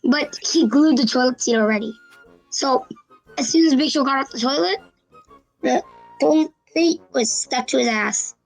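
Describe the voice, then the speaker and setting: A child with a congested, stuffy-nosed voice, chatting casually and retelling stories in a halting, repetitive way with restarts. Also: high voice, creaky, faint music behind, poor audio. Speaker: co-host recapping episodes.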